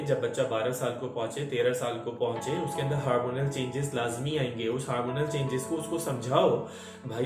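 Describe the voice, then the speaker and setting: A man in his thirties giving an earnest parenting talk, repeating key lines and asking the audience rhetorical questions. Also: medium pitch. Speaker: motivational speaker. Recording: echoey room with faint music.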